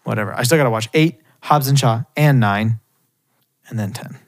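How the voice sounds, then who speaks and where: A man's voice: medium pitch, normal speed. A man co-hosting a podcast in casual chat, rambling and joking with frequent restarts. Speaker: podcast co-host.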